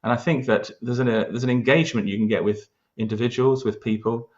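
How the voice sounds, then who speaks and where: Speaking fast in a mid-range voice, a London man who has won awards as a local historian talks earnestly about local history. He restarts and hesitates a lot during the interview, and the sound quality is lo-fi.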